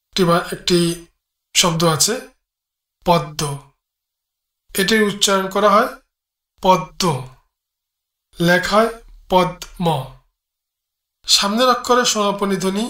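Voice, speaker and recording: Male language teacher, bright and crisp, measured delivery that breaks words into single sounds, echoey room. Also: high-pitched. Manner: measured, spells out sounds one by one. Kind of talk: read-aloud grammar lesson.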